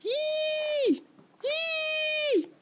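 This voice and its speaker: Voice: very high voice, extremely slow, background noise, pitched above the performer's own voice, exaggerated voice. A storybook reader imitating a dolphin with a chirpy, squealing call.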